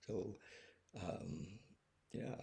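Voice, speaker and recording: A man hosting a recovery video from home, talking casually and gently, with many restarts, and apologetic. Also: lowish voice, drawn-out words, creaky, breathy edge. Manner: rambling, many restarts and fillers. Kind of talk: casual heartfelt talk. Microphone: webcam video stream.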